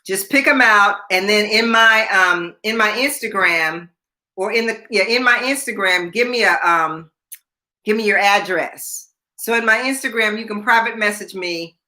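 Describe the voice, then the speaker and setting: At a moderate pace, a woman in her sixties chats on her casual live stream, repeating herself and voicing viewer comments aloud. Her tone is pushed and bright at medium pitch.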